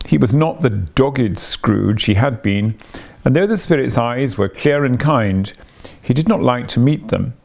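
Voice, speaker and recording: Gravel-voiced male storyteller. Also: medium pitch. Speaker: audiobook narrator. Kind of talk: scripted literary narration.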